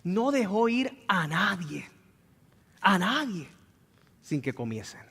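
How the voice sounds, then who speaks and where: A man with a Puerto Rican accent preaching a Sunday sermon, swinging between shouts and hushed emphasis and repeating key phrases. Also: high-pitched, big pitch swings, slow, gravelly, breathy edge, long reverb tail. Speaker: pastor. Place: church sanctuary.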